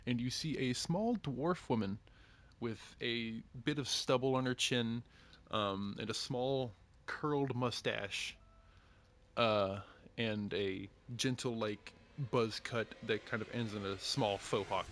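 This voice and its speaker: A man's voice: mid-range voice, slow, a bit bright. A man narrating a tabletop game as game master, describing scenes with frequent fillers.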